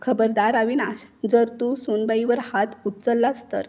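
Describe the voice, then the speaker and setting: A woman voicing a wronged middle-aged mother-in-law who has turned defiant, speaking slowly and with emphasis. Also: a little high, fairly even intonation, warm tone. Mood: stern. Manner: slow, emphatic dramatic delivery.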